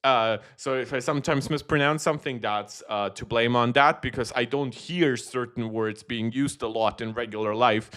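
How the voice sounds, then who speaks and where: A man's voice: mid-range voice, normal speed, few pauses, fairly bright tone. A young man from Moldova, a native Russian speaker, commenting live on tech news in a rambling, self-correcting way with many fillers. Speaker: tech YouTuber.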